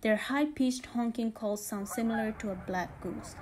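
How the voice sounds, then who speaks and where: A woman's voice: on the high side, normal speed, a little mellow, slight background noise. Woman narrating a nature documentary, formal reading.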